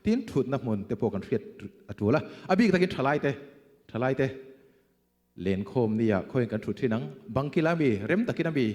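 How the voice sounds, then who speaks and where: A man delivering a sermon in a mellow, dark voice. He is emphatic, pushing out loud bursts and then dropping to quieter asides. A long church-hall reverb trails after every phrase. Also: mid-range voice, very animated, a little fast. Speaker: preacher.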